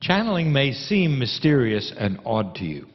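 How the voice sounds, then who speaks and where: Expressive man channeling in a reverberant hall. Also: mid-range voice, moderate pace. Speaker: spiritual channeler. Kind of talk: channeled spiritual address. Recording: dull recording in reverberant hall.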